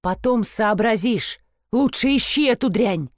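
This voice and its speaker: A woman's voice: on the high side, animated, measured pace, no echo, studio quality. A woman voicing a fussy, scheming male fur-shop owner who snaps at staff and coos at clients. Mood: snapping. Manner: snapping, then oily and cooing.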